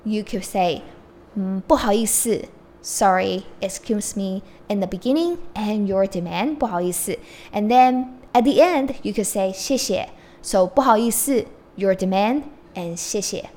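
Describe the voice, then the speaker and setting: A native Mandarin Chinese speaker who hosts a podcast and teaches Chinese walks through Chinese phrases in a casual lesson. Her voice is medium-pitched with a dark tone, and she shifts between explaining in English and slowly modeling the phrases.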